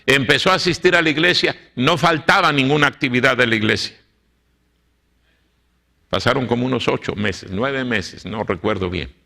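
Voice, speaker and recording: Gravelly Mexican pastor telling a story. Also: male voice, mid-range voice, normal speed. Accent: Mexican Spanish. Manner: acts out dialogue, shifting between loud and hushed. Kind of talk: storytelling sermon. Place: church sanctuary.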